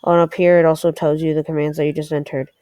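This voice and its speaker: In a casual screen-recorded game tutorial, a woman presents a walkthrough, thinking aloud and sounding a little hesitant as she explains. Her voice sits low with a level tone, warm and fast, and there's no echo.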